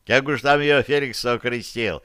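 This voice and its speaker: In an audiobook, a hulking bruiser , voiced by a male narrator, grumbles out sarcastic remarks. His voice is clear and smooth, recorded close and dry with no room around it. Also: medium pitch, normal speed, fairly bright tone, dry recording, close to an everyday voice.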